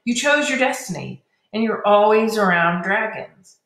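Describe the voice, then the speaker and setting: A woman voicing a spirited young mage in training who answers with quick, teasing retorts, in a storybook reading. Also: medium pitch, expressive, fairly bright tone. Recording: roomy echo.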